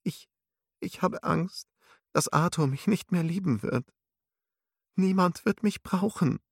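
Man voicing a crying young woman, broken trembling voice, high pitch, slow, husky. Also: no room sound, clean studio sound, exaggerated voice. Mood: tearful. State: crying, sobbing. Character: young woman, weeping and desperate.

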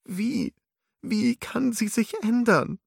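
Man voicing a crying young woman, broken trembling voice, high pitch, slow, husky. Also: no echo, studio quality, heavily acted. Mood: tearful. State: crying, sobbing. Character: young woman, weeping and desperate.

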